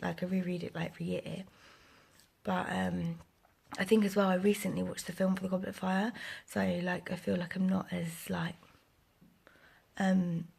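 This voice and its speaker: Softly whispering young woman vlogger. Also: lowish voice. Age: 20s. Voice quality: whispering, breathy. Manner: rambling, many fillers and restarts. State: slight sore throat. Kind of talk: casual whispered vlog. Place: home, indoors. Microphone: close camera.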